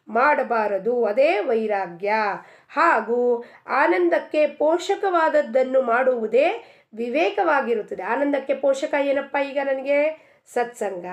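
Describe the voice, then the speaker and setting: A woman giving an earnest devotional discourse, asking many rhetorical questions. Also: on the high side. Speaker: spiritual speaker.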